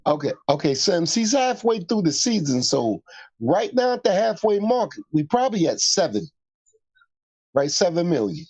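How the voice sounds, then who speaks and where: A man's voice: high-pitched, big pitch swings, normal speed, darkish tone, husky. A man joining a sports talk show who talks in a laid-back, slangy way. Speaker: co-host or guest.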